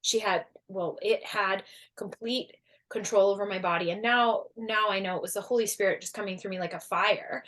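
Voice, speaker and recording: Animated storytelling woman guest. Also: mid-range voice, normal speed. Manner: animated, acts out quoted voices, many fillers. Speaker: guest, energy healer and coach. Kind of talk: casual storytelling.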